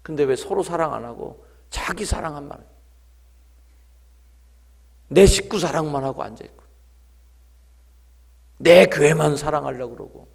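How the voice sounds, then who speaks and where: Impassioned middle-aged pastor with gravelly voice. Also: male voice, a little high, measured pace, pauses often. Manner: emphatic storytelling, rising to impassioned appeals. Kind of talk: revival sermon.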